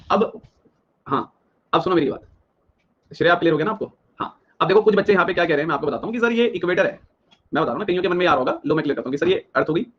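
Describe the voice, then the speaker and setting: A man's voice: high-pitched, highs cut off. A young man teaching a live exam-prep geography class, firing questions at students and repeating each answer several times. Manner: drills questions, repeats answers rapidly, addresses students directly.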